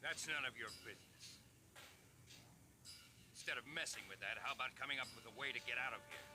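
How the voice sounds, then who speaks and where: An actor voicing a gruff man in a video game who gives curt, commanding warnings, heard through glitchy audio that makes his pitch jump. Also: normal speed, background noise. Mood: stern. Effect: glitchy game audio with jumping pitch. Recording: distant game audio over music.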